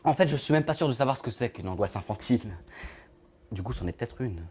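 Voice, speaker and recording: An actor playing an odd, lonely man with an invisible friend, talking in a halting, rambling way that trails off into murmurs. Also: medium pitch, expressive, a little mellow, slightly rough. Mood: musing. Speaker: actor in a short film monologue. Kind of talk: film monologue.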